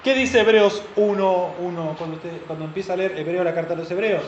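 Animated preacher, high voice. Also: male voice, fairly quick, a little hiss or hum. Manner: animated preaching, asks the congregation questions. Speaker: pastor. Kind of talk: sermon. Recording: dull lo-fi recording in a roomy hall.

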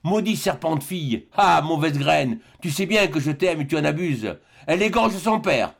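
A man's voice: sits high, animated, fairly quick, breathy edge. A man voicing a domineering miserly old father who wheedles, then rages and curses. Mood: furious. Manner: wheedling, then shouting and cursing.

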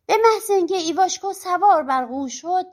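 Woman narrator, fairy tale audiobook, high voice, expressive, trailing into whispers. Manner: expressive, often fading to a whisper at line ends. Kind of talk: storybook narration.

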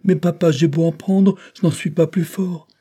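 A male reader voicing a sickly little boy who pleads with his father in a high voice. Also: steady tone, moderate pace, mellow, husky. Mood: plaintive.

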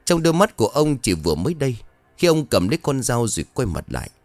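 A man's voice: mid-range voice, very animated, fast talker, no echo, soft background music. A man narrating a horror story in a dramatic, tension-building way.

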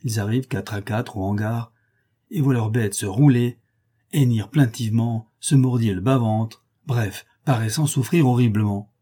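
Male audiobook narrator, measured reading, dark husky tone. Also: mid-range voice.

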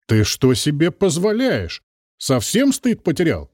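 A woman's voice: sits low, wildly swooping pitch, unhurried, darkish tone, husky, no room sound, studio quality, voice pushed up, full character voice. A male narrator voicing an indignant ancient elf ancestress who scolds shrilly and reproachfully. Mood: outraged scolding.

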